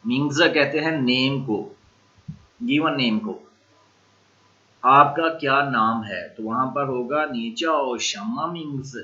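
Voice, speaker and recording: A man's voice: medium pitch, slow, bright, forceful tone, muffled recording. A man teaching a recorded language lecture who says each new word several times and spells it out. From Pakistan.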